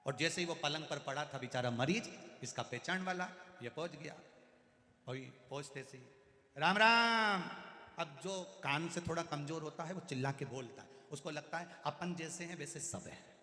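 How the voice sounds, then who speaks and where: A man with a Madhya Pradesh Hindi accent giving a devotional sermon before a large religious gathering, telling stories in a folksy, animated way. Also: a little high, normal speed. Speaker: religious storyteller. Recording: echoey hall with faint music.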